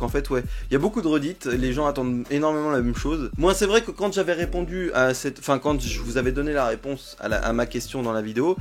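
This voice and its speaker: Rambling young man chatting casually. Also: medium pitch. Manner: rambling with many fillers and restarts, animated. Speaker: manga video host. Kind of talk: casual chat reading viewer comments.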